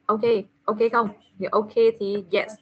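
Slow patient woman teaching on a call. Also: mid-range voice, little pitch movement, a bit bright, breathy edge. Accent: Vietnamese. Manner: slow, patient, repeats words for the child to copy. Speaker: English teacher. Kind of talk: online class, drilling a child. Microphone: video call. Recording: dull lo-fi call audio.

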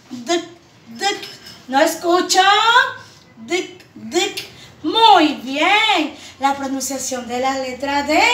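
Heard from off the mic in an echoey room, a woman with a high, fairly bright voice leads a reading lesson for young children. She stretches every syllable slowly and affectionately addresses the pupils as her loves and princesses.

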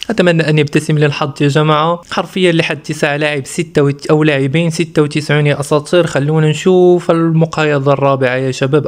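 Male gaming YouTuber, rapid-fire delivery, slightly high voice, hopeful and pleading, bursts out at each pull. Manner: hopeful pleading, excited outbursts at each result; addresses viewers constantly as friends and legends. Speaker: mobile football game YouTuber. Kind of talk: game commentary while opening packs.

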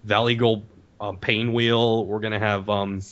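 A man's voice: fairly low pitch, measured pace. Man, voice actor guest, casual podcast chat, rambling storyteller, slightly muffled lo-fi sound. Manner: animated storyteller, peppered with "like" and "um".

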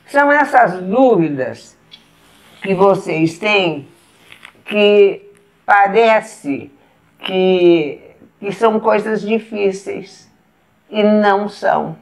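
A woman with a Brazilian Portuguese accent, patiently showing step by step how to eat at the table and pausing to eat as she goes. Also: medium pitch, expressive. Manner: patient, explains step by step while eating. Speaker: etiquette instructor. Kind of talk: casual demonstration.

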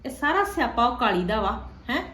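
A woman's voice: a little high, very animated, a little fast, a bit bright. A middle-aged woman playing a scornful, bossy mother who scolds and sneers in a home drama. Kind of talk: web drama acting. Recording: echoey room.

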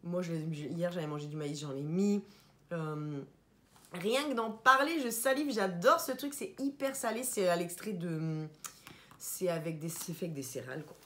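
A woman vlogging casually about her shopping haul, chatty and animated, stumbling over foreign words, and sounding tired. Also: on the low side, normal speed. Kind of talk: casual haul vlog chat.

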